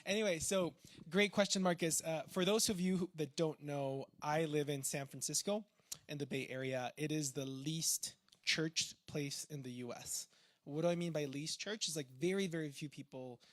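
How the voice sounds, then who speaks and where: A young Peruvian-accented man speaks in a chatty, informal way, with a slightly high voice. His sound is close and dry, with no room echo. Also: moderate pace. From Peru. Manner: chatty, informal, full of fillers. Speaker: guest speaker, tech entrepreneur. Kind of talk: conversational talk on faith.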